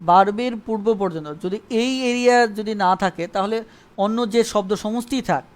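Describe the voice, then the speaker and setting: A man's voice: sits high, normal speed. Man teaching English grammar live. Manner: repetitive, keeps checking understanding. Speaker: English tutor. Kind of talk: live online grammar lesson.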